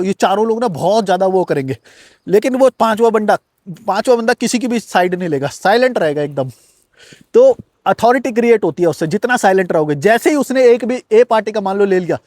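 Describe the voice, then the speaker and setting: A man hosting a self-help video, talking fast in an unbroken flow and addressing the viewer directly, words into his speech. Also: sits high, darkish tone, dry recording, studio quality. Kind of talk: fast-paced motivational talk to camera. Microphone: recording to camera on a device.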